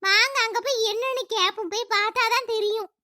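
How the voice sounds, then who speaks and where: A voice actor playing a chatty, bossy middle-aged village woman in a cartoon, with a sped-up squeaky voice. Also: fairly even intonation, sharp tone, no echo, clean studio sound, full character voice. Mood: fussing. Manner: bossy, rapid village gossip. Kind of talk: cartoon voice acting.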